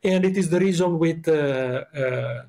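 A man with an Italian accent talks casually as a podcast guest, his voice sitting a little high for a man. He pauses and hunts for words, filling gaps with small hesitations. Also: creaky, warm tone. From Italy. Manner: halting, searching for words with many fillers.

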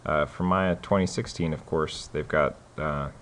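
Light background hiss accompanies a man whose voice is very low as he casually walks through a screen-recorded tutorial. He sounds relaxed but halting, his speech loose and peppered with fillers and restarts.

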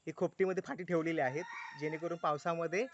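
A man's voice: fairly high pitch, fairly even intonation, fast talker, lo-fi sound. A man from the Konkan region narrating a casual walking tour as a vlogger, upbeat and full of praise for what he films. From Konkan, India. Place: village outdoors in rain.

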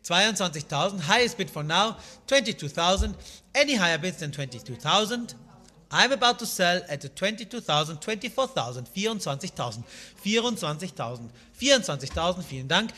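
Animated and fairly quick, this auctioneer in his thirties has a high, sharp-toned voice as he repeats bids at an indoor saleroom rostrum. He moves between German and English, and the hall sound is reverberant.

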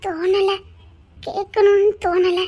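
Woman doing a shy young wife, tirunelveli accent, super high voice, slow and halting, faint music. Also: little pitch movement. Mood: pleading. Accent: Tirunelveli Tamil. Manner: gentle, hesitant, stammering. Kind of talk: family drama acting.

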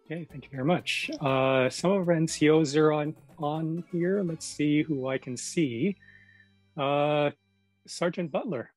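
A man's voice: on the high side, measured pace, darkish tone, soft background music. A man hosting a commemorative video call, casually calling on guests one by one. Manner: casual, friendly, calls on guests by name. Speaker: event host.

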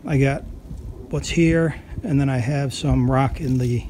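A man with a medium-pitched, dark-toned voice and fairly even intonation narrates a folksy how-to at a measured pace. He's a farm vlogger filming on a handheld camera outdoors on farm property, with outdoor noise in the background.

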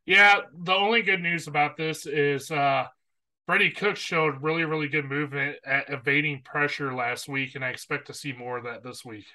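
A man co-hosting a sports podcast with a slightly high, very sharp and bright voice. He talks casually but earnestly, backing his opinions with stats. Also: fairly even intonation, moderate pace, low-quality recording.

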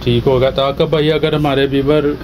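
A man hosting a clothing shop video, asking about each outfit and repeating the answers back with quick praise. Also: mid-range voice, little pitch movement, noisy background. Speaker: shopping vlog host. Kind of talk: casual shop interview.

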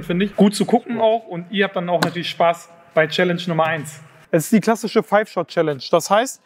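A man in his thirties hosting and judging a football challenge show, explaining the rules energetically into a handheld mic in a large indoor football hall. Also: high voice. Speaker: host and jury member. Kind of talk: presenting a football challenge format.

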